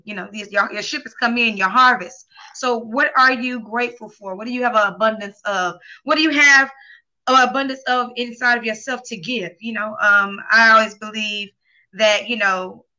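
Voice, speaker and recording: Talk-show co-host, woman, bright raised voice, rambling and earnest, near tears, dull lo-fi recording. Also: on the high side. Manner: rambling, heavy on filler phrases, earnest and emotional. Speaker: co-host and sex coach. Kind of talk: casual talk show chat. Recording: dull lo-fi sound.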